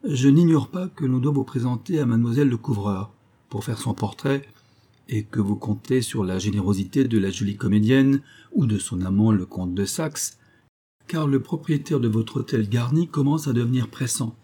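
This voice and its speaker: A man's voice: mid-range voice, normal speed, mellow, husky, natural voice. A man voicing a sinister, mysterious male stranger who speaks insistently and with menace in an audiobook. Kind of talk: audiobook character voice.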